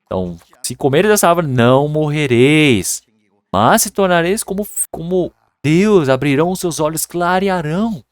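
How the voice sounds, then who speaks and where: A man's voice: fairly high pitch, expressive, normal speed, dry recording, studio quality, pitched above the performer's own voice, close to an everyday voice. A man playing a sly, coaxing devil. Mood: tempting. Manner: coaxing, persuasive. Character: sly male devil, smooth tempter.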